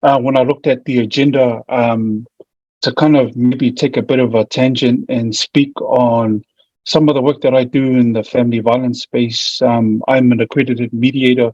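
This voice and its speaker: A man's voice: medium pitch, steady tone, moderate pace, a little mellow. A man with a broad New Zealand accent giving an informal, slightly hesitant online presentation. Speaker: presenter, family violence mediator. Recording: muffled, echoey room audio.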